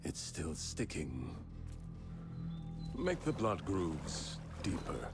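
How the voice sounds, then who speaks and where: A man playing a cold, menacing warlord in a video game, speaking in a measured, imperious manner. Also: very deep voice, wildly swooping pitch, music in the background, exaggerated voice. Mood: cold displeasure. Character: cold, menacing male warlord inspecting weapons.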